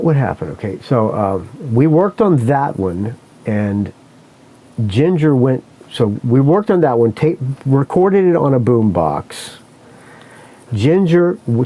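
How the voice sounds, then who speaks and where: A podcast host with a medium-pitched, warm voice tells a story in a loose, rambling way, correcting himself often and swearing freely. The recording quality is rough.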